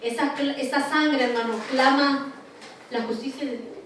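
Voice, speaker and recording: A woman pastor preaching a sermon earnestly, with frequent pauses and fillers, recorded from far off in a very echoey hall. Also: high voice, fairly even intonation, fairly bright tone, slight background noise.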